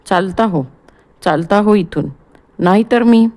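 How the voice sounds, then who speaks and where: A woman's voice: on the low side, unhurried, a little mellow. A woman voicing a bitter, distraught young wife in an audiobook play reading, speaking curtly. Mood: furious. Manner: curt and bitter.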